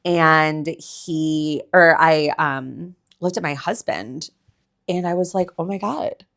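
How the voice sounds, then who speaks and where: A woman's voice: sits low, steady tone, slow pace, a bit bright. A young adult woman talking candidly as a podcast guest, chatty and full of "like", blunt and casually swearing. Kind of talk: candid conversational interview.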